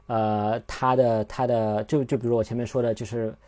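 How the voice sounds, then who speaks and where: A man's voice: mid-range voice, little pitch movement, normal speed, a little mellow. A man hosting a casual solo podcast, rambling and correcting himself as he looks things up while he talks. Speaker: podcast host.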